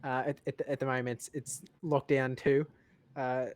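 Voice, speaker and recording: A man chatting casually on a podcast, rambling and haltingly repeating words as he thinks aloud. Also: medium pitch, flat delivery, darkish tone, clean tone, dry recording. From lives in Australia. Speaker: podcast panelist.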